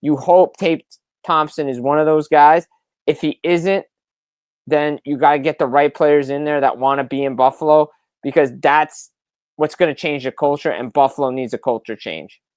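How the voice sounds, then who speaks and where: A man's voice: on the high side, steady tone, moderate pace, a little mellow, clean tone, no echo. A man hosts a sports podcast, making his case emphatically and circling back to the same points again and again. His voice is clean and resonant, recorded dry with no room sound. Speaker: podcast host. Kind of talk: casual sports talk.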